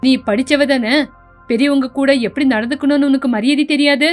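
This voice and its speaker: A woman voicing a tired, stern young husband who lectures impatiently in an animated story. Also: high voice, fairly quick, faint music behind, close to an everyday voice. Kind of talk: storybook voice acting.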